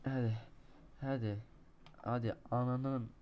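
A young man commenting on his own gameplay, talking to himself, boasting and cursing, with sudden shouting outbursts. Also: mid-range voice, steady tone, slow, muffled recording, slight background noise. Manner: swearing, shouting outbursts at the game; self-talk, boastful then exasperated. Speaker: gaming streamer. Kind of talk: let's-play commentary.

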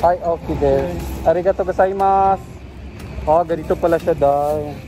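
A man's voice: fairly high pitch, normal speed, slight background noise. Chatty man talking through a face mask. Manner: chatty, mixing Tagalog and English with bits of Japanese. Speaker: vlogger. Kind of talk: casual vlog, walking and shopping. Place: outdoors on a city street. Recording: loud music over street sound. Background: loud background music.

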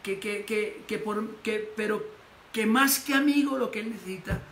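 A man's voice: high-pitched, moderate pace, a bit bright. A man preaching a sermon as pastor, animatedly acting out the voices he quotes. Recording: echoey room with faint noise.

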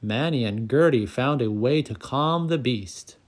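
A man narrating a children's picture book aloud, calm and clear, as the channel's storyteller. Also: medium pitch, a little slow.

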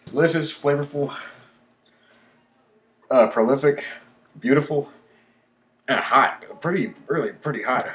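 A man with an easygoing drawl rambles through his vlog, full of ums and likes. He keeps puffing and sighing as the heat builds, and his voice sits at an ordinary middle pitch for a man. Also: slow pace, long pauses, a bit bright. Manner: laid-back, rambling, lots of ums and likes. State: panting and sighing from chili burn. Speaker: pepper-tasting vlogger. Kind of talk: casual unscripted vlog.

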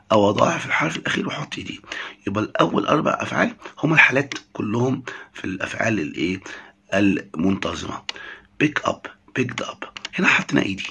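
A man's voice: on the low side, gravelly, sharp tone, breathy edge. A man with an Egyptian Arabic accent teaching English vocabulary, saying each word twice and explaining it in Arabic.

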